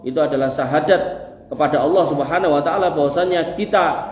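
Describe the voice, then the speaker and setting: A man's voice: on the high side, a little fast, darkish tone. A man with a Javanese accent preaching a sermon to a congregation in a folksy, joking way, driving points home with rhythmic repetition. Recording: echoey room with faint noise.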